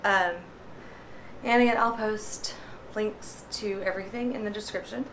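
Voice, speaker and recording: A woman vlogger talking casually through a repair demonstration, out of breath from working a hand pump and filling pauses with ums. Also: mid-range voice, steady tone, a bit bright, slight background noise. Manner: chatty, many ums, pauses while pumping.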